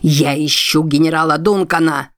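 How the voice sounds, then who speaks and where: Desperate bearded ex-soldier guy, urgent and pleading, low voice, woman reading him. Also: steady tone, normal speed, lightly acted. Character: desperate bearded former Confederate soldier, man.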